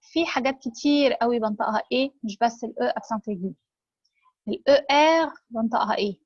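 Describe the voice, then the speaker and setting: Woman, Egyptian Arabic accent, French teacher, recorded lecture, slow repeated French words, dry dull lo-fi sound. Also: on the high side, darkish tone, slightly rough, no echo. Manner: says each French word slowly, then repeats it.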